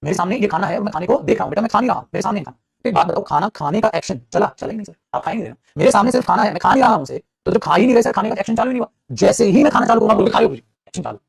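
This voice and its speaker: A man teaching English grammar in a lively classroom manner, calling students "beta" and answering his own questions. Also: very fast, vocal fry, hardly any pauses, crowd noise. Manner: acts out students' replies in a lower voice.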